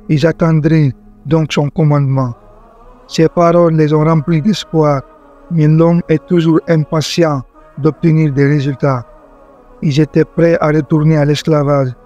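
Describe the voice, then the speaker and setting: A man narrating a religious story in a measured, earnest scripted style. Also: on the high side, dark tone. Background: faint background music.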